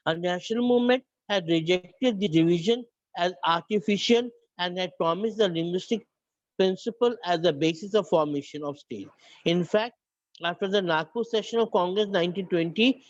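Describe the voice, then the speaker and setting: A teacher with a north Indian accent lectures a class in a slightly high voice, mixing English and Hindi. He keeps repeating and restarting phrases while dictating points to his students, and the recording sounds dry and muffled.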